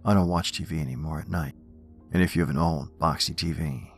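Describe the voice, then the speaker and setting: Very deep-voiced man narrating horror. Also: fairly even intonation, brisk, soft background music. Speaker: horror podcast host. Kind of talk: scripted narration of horror stories and poems.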